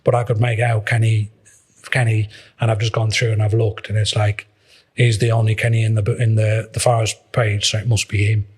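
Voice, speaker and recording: A man's voice: lowish voice, little pitch movement, a little fast, breathy edge. A man in his fifties with a Liverpool accent, telling his life story in a casual, rambling way with many restarts.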